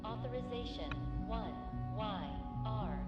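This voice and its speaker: A woman voicing a calm female evacuation announcement system, speaking over a PA loudspeaker in an even, formal manner. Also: a little high, slow pace, highs cut off. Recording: echoey distant PA with loud music.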